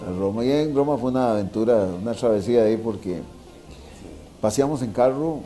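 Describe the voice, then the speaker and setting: Speaking fairly quickly in a mellow, mid-range voice, a sixtysomething veteran sports journalist from Costa Rica shares anecdotes as an interview guest in a wine bar dining room indoors. His style is casual, with repeated phrases for emphasis and tag questions to check in.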